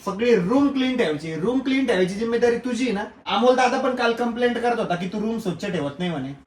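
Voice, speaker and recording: A man's voice: extremely high pitch, animated, roomy sound, rough recording. A man, joking around and lecturing his younger brother in a home vlog. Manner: fast, joking, bossy big-brother tone. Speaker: vlogger. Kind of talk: casual family vlog chat.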